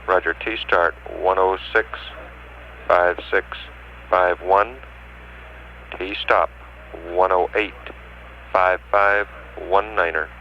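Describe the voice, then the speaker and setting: A man's voice: sits low, fairly even intonation, slow pace, pauses often, lo-fi sound, a little hiss or hum. A man at mission control speaking in clipped, formal radio procedure over an archival space radio link. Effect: space radio transmission. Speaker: mission control capsule communicator. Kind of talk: procedural radio communication, reading out numbers.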